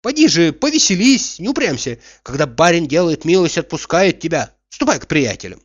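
Man playing anxious gentleman, high urgent voice, dull, dry. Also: very animated, moderate pace, no echo. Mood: agitated. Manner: agitated, urging, raised voice. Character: flustered, anxious young gentleman landowner.

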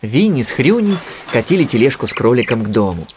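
Expressive male storybook narrator. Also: medium pitch, brisk, a little hiss or hum. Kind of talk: storybook reading.

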